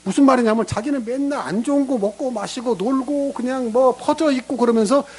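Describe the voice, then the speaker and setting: A man's voice: extremely high pitch, fairly quick, slightly rough. A man preaching a sermon as a pastor in a church, acting out prayers and God's replies in different voices. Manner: lively preaching, acts out prayers in character voices. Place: church sanctuary.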